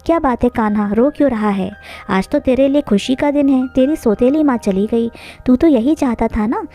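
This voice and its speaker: A woman's voice: high voice, normal speed, mellow, soft background music. Woman voicing a stern, blunt village father. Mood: firm. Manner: scolding, blunt.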